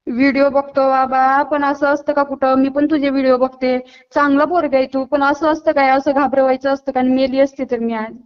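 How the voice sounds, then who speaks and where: A woman's voice: high voice, little pitch movement, fairly quick. A woman on a phone call, panicked and pleading, later scolding the caller. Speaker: prank call target.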